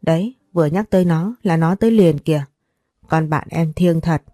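A woman voicing a scheming sister who coaxes and persuades in a soft, even way. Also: low-pitched, moderate pace, dry recording, studio quality, soft background music, natural voice.

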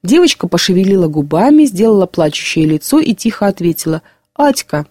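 A woman narrating classic prose in a measured, expressive storybook reading. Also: fairly low pitch, dry recording, studio quality.

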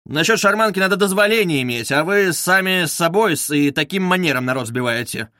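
A man's voice: sits high, expressive, a little fast, pushed and bright, dry recording, studio quality. Guy reading, doing an officious stern cop, stiff and formal. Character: stern male street policeman.

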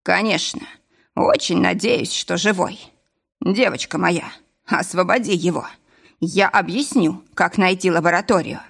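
Woman doing a slow, sighing old man in a hospital bed. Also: fairly low pitch, creaky, fairly bright tone, husky, heavily acted. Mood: pleading. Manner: slow, sighing, breathless delivery. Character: weak old man in intensive care, gasping, sly.

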